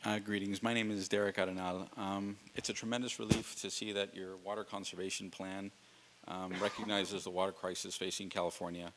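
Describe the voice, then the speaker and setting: Low gravelly man asking a question. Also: level tone, brisk, noisy background. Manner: hesitant, formal question with fillers. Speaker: audience member asking a question. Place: council chamber audience.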